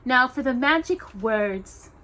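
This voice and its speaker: Lady doing kindly old fairy godmother from a storybook, bit dotty, singsong, bright and swoopy. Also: high voice, animated, slow, pitched above the performer's own voice, heavily acted. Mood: musing. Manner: singsong, fussing and coaxing.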